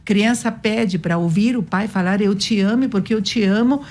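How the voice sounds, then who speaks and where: A woman's voice: medium pitch, moderate pace, a little mellow. A woman giving earnest, firm advice on parenting from her own life on a talk show. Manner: earnest, firm, repetitive emphasis.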